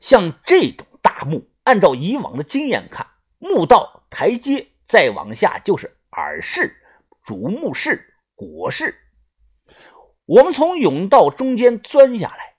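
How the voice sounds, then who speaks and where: A man reads a first-person adventure tale aloud, his voice husky and breathy at the edges. His pitch swings widely, rising and dropping with the telling. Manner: animated storytelling. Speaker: storyteller. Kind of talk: first-person audiobook narration.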